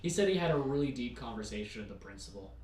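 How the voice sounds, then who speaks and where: A man's voice: medium pitch, animated, fast talker, crowd noise. A young man hosting a casual podcast rant, rambling with many fillers. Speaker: podcast host. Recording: echoey room, distant mic, faint noise.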